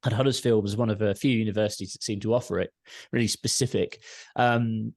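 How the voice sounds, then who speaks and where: A man with a Home Counties accent from the south of England talks in a low, closely recorded voice with very little room sound. He is chatty and informal, wandering through his answers like a relaxed podcast guest. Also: a little fast, gravelly, dry recording, clean studio sound. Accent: southern English, Home Counties. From Surrey, southern England. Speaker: podcast guest, tech and audio entrepreneur. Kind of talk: casual interview chat.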